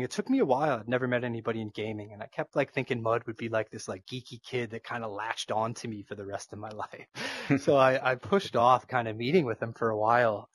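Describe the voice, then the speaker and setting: A man with a Boston accent, chatting as a guest in a casual interview, rambling with lots of fillers. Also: medium pitch. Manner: rambling, filler-heavy, animated.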